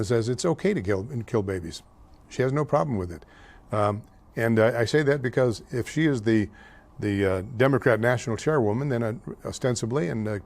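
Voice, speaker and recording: Politics makes this older local talk show host louder and more heated. Otherwise his medium-pitched delivery is halting, crowded with fillers and slips over names.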